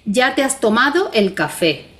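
A woman's voice: fairly high pitch, sing-song, unhurried, fairly bright tone. A woman guest explaining punctuation in a conversation, patient and methodical, often checking in with tag questions. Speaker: Spanish language expert guest.

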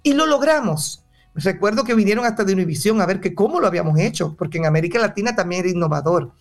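Female stage director, mid-pitched, emphatic and eager to explain, with faint music underneath. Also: animated, quick pace. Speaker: theater director and drama teacher. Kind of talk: interview answers.

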